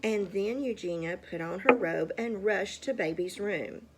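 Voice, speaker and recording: A woman's voice: mid-range voice, a little slow, heavy background noise. A woman reading a storybook aloud to a child at home, with chatty asides and questions. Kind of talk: casual storytime read-aloud.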